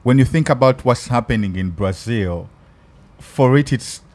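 A Ugandan man hosting a podcast in casual chat, thoughtful and halting, with many restarts. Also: medium pitch, a little mellow. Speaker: podcast host.

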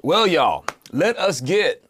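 A man's voice: fairly high pitch, very animated, slow pace, a bit bright, a little hiss or hum. A man hosting a podcast Bible study, chatting casually and joking, laughing often and using lots of fillers.

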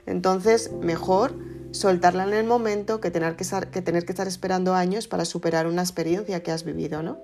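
A woman giving a casual, gentle self-help talk, often checking in with the listener. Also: lowish voice, fairly even intonation, a little fast. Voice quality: soft, conversational, asks "¿no?" often. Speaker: emotional wellbeing speaker. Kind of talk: casual motivational talk to camera. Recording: soft guitar music underneath.

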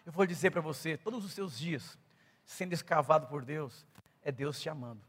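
A middle-aged male pastor preaching with a high, bright, ringing voice. He shifts from quiet storytelling into loud, fervent exhortation. The sound carries the long reverb of a church hall. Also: moderate pace, breathy edge. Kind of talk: sermon.

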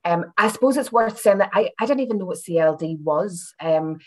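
An expressive, fairly quick woman with a fairly low pitch and a Northern Irish accent from Belfast is the guest here. A university senior lecturer, she chats reflectively in a casual personal interview, slightly hesitant and given to circling back with hedges.

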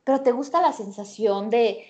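A woman's voice: fairly high pitch, moderate pace, muffled recording, a crowd in the background. A woman in casual chat, enthusiastic and rambling. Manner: enthusiastic, rambling, many fillers.

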